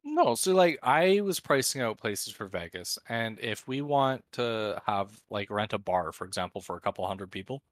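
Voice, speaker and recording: A man who is high, hosting a casual, unscripted podcast chat in a laid-back stoner manner. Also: expressive, moderate pace, few pauses, no room sound. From Canada. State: high on cannabis. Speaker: podcast host.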